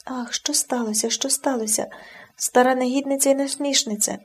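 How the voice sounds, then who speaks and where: A woman's voice: high voice, fairly even intonation, moderate pace, slightly rough. A woman voicing a wealthy, hot-tempered young lady who snaps scornfully, in a storybook reading. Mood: angry. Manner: sharp, scornful outbursts.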